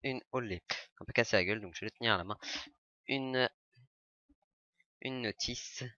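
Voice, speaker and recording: A man's voice: medium pitch, moderate pace, sharp tone, no room sound. Chatty man on a lo-fi webcam. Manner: chatty, rambling, lots of fillers like "hop" and "donc". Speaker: vlogger showing yard-sale finds. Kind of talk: casual webcam unboxing chat. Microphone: webcam mic. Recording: dull lo-fi webcam sound.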